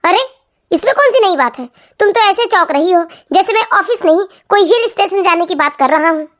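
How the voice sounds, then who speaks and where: A woman's voice: extremely high pitch, expressive, brisk, fairly bright tone. A woman voicing a tired, lazy young husband in a comedy cartoon, grumbling and dodging. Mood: irritated. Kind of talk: cartoon family comedy voice acting.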